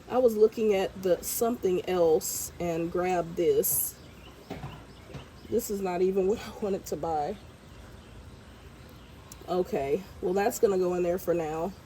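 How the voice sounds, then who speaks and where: A woman's voice: mid-range voice, mellow, slight background noise. Congested woman chatting while gardening outdoors. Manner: chatty, thinking aloud as she works. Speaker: gardening vlogger. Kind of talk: casual vlog narration while gardening. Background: birds and outdoor ambience.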